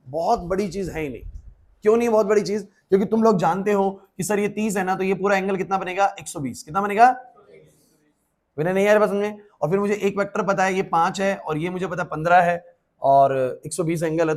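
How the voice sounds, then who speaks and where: A man's voice: high-pitched, steady tone, quick pace. A male physics teacher lecturing a class, quizzing students by name and repeating his questions. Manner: repetitive questions, urging focus.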